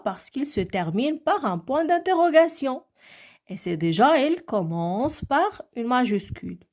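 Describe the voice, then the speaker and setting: A woman teaching a grammar lesson to young children, slow and patient, repeating key words and checking in often. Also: medium pitch, darkish tone. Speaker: primary school teacher.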